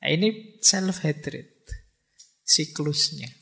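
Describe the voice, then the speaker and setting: A man with a gravelly, slightly high voice lectures in a relaxed, informal way. He slips into little acted-out inner voices to make his points to the audience. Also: extremely slow. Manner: informal teaching, Javanese-flavored asides, acts out inner voices. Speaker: lecturer on philosophy. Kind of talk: casual religious study lecture.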